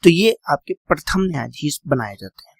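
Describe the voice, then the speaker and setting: A male teacher lectures with a raspy, gravelly edge to a somewhat high voice. He drills his students by asking questions and then answering them himself, calling them "beta". The sound is dry and close, with no room around it. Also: very animated, a little fast, dry recording. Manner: repeats key points and quizzes students. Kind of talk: classroom lecture.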